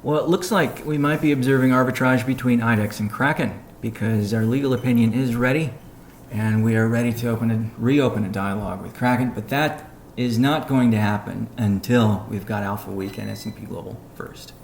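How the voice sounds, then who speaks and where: On a noisy conference call, a medium-pitched man gives a measured, businesslike update. He pauses between phrases while reading out points and fielding questions.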